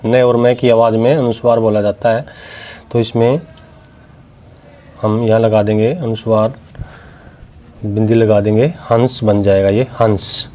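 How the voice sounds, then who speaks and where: A man teaching a children's language lesson, drawing out words slowly in drills and asking questions that he answers himself. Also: mid-range voice, a little mellow.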